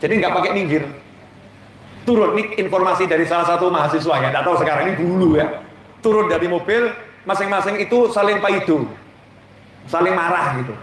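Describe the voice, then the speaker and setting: An Indonesian preacher delivers a funny religious sermon in a large hall at a religious gathering, spinning lively stories with folksy Javanese asides. His voice is high-pitched and brisk, broken by long pauses. The distant mic gives an echoey sound with faint ambience and slight background noise.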